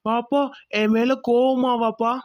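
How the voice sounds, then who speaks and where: A man's voice: extremely high pitch, level tone, measured pace, no room sound. A man voicing an earnest young son in a cartoon, explaining himself to his parents. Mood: grateful. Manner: earnest, eager. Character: young son, nervous then grateful.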